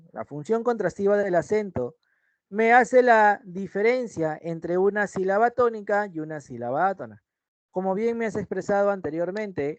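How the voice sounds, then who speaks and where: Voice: medium pitch, dry recording, lo-fi sound. A teacher giving an online language lesson over a video call, explaining step by step and often checking in with short tag questions.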